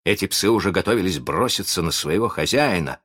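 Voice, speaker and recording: A man narrating a children's story aloud in an expressive, dramatic way. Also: sits low, fairly quick, breathy edge. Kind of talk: storybook reading.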